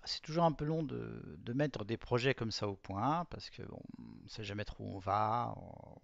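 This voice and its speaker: Low gravelly-voiced man, hesitant talk. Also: moderate pace, dry recording, muffled recording. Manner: hesitant, many fillers and restarts. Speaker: artist presenting his work. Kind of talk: casual spoken presentation.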